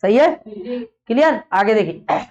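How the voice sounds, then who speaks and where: A woman's voice: fairly high pitch, expressive, slow, a little mellow. A woman teaching an exam-prep class, who fires off a question, repeats it, and then answers it herself. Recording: dull lo-fi classroom recording.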